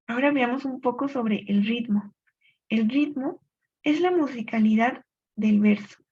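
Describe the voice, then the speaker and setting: A woman teaching a recorded literature lesson, explaining step by step and pausing to think aloud for examples. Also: on the high side. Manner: clear explanatory pace with thinking-aloud pauses. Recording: dull lo-fi recording.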